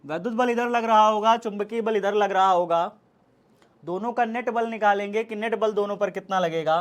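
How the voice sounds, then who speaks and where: A man teaching a physics class, repeating each point and urging students to keep up. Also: high voice. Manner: repetitive, coaxing, urging students to hurry. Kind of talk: classroom lecture.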